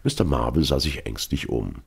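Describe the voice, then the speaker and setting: A man reading a classic novel aloud in measured literary narration. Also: extremely low pitch, lively intonation, creaky, breathy edge. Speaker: audiobook narrator. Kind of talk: scripted narration.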